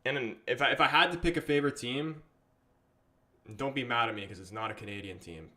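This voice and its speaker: A man from England hosts a casual live stream, talking through a football match and reading out viewer comments in an English accent. His mid-range voice is fairly quick, pushed, and bright.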